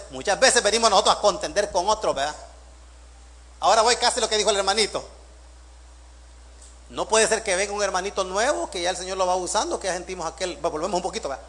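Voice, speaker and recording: High-pitched bright preaching man. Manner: emphatic preaching with rhetorical questions, loud bursts then hushed asides. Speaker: pastor. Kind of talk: sermon.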